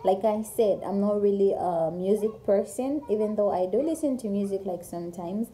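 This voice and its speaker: Medium-pitched and warm, a young adult woman from Zambia talks at a moderate pace in her casual get-to-know-me vlog. As a YouTuber, she rambles to her phone camera at arm's length in a small room, filling her speech with lots of fillers.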